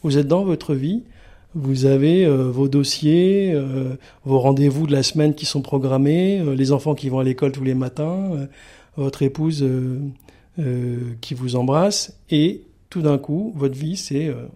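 A middle-aged man from the Paris region, speaking as a guest in a radio interview and pausing often with fillers. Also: mid-range voice, dark tone. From Paris region, France. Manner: halting, many filler pauses. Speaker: sanctuary communications manager, guest.

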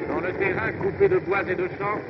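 Old newsreel narrator, high formal man. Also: fairly even intonation, a little fast, muffled recording, heavy background noise. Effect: old newsreel soundtrack.

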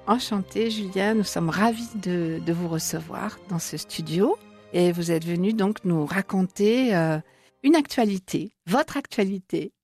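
A woman's voice: fairly low pitch, a little slow, darkish tone, soft background music. A woman hosting a studio interview show, asking questions in an encouraging way with frequent fillers and restarts. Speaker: show host. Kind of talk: interview conversation.

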